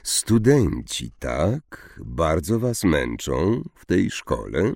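Man voicing a melancholy centaur, deep and slow. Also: sing-song, creaky, a little mellow, dry recording, studio quality, full character voice. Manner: slow, solemn, mournful.

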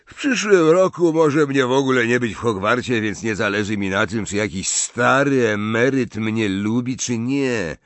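A man's voice: medium pitch, big pitch swings, takes it slowly, fairly bright tone, no room sound, pitched above the performer's own voice, exaggerated voice. A man voicing an arrogant, spoiled teenage boy in an audiobook, speaking with a scornful drawl.

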